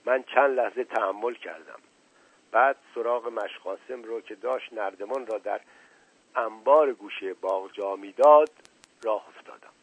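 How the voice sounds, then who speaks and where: A man's voice: on the low side, no room sound. A man reading a novel aloud, narrating steadily as an audiobook reader. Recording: husky voice over tinny phone-like band, dry.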